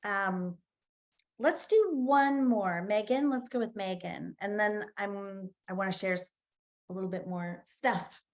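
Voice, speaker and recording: A woman's voice: medium pitch, unhurried. A woman facilitating an online writing workshop on a video call, enthusiastic and laughing often.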